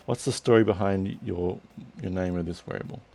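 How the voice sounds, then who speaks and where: A young man hosting a casual chat, relaxed and rambling with restarts. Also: low-pitched, brisk, creaky. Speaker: host.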